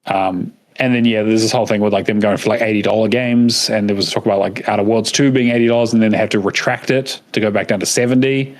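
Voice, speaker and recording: Male podcast co-host, slightly low voice, loose rambling delivery peppered with curses. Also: steady tone, fast talker, hardly any pauses. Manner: rambling, swears freely, many fillers and restarts. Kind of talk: casual chat.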